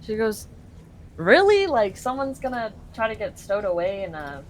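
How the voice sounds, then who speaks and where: A woman's voice: mid-range voice, lively intonation, moderate pace, a little mellow, slight background noise. A woman from Canada translating a game live, casual and laughing, full of fillers. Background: game music.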